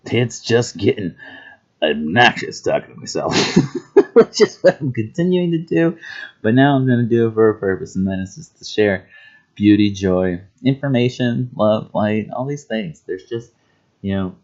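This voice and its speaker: Rambling, chuckling man with a lowish voice. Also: a little mellow, lo-fi sound. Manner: rambling and musing, breaks into chuckles. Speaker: vlogger. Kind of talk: casual self-introduction monologue.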